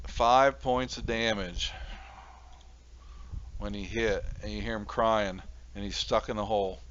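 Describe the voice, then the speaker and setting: A man narrating casually as game master in a halting, informal way. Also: lowish voice, fairly even intonation, fairly bright tone. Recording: muffled audio with faint noise.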